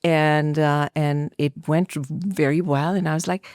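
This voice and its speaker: In a deep, steady, somewhat dark voice, a middle-aged Indian woman talks at a measured pace as a podcast interview guest. An actor, she recounts personal stories in a conversational way and performs remembered lines, all in clean studio sound without echo.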